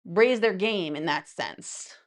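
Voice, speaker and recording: A woman's voice: mid-range voice, slow. A woman giving a casual tarot reading in a chatty, rambling way, full of asides. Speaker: tarot reader.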